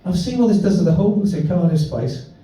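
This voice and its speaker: A stand-up comedian with a South Wales Valleys accent tells anecdotes in a matey, sweary, self-deprecating style, his voice high-pitched, mellow, lively and a little fast. The live indoor venue is echoey, with a distant, muffled mic and faint noise.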